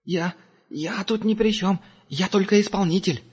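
A cowardly, weedy angel technician whimpers in a thin, high voice, as a man puts him on. He stammers and begs, his words shaky and breathy, and the recording sounds dull and lo-fi. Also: normal speed. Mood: stammering. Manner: trembling, pleading, stammering.

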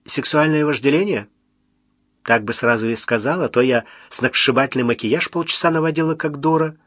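A man's voice: medium pitch, a little fast, fairly bright tone, dry recording, studio quality, close to an everyday voice. A man voicing a playful young wife who pouts, coaxes and acts offended, in an audiobook reading. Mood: indignant. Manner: pouting, coaxing, mock-offended. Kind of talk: audiobook character voice.

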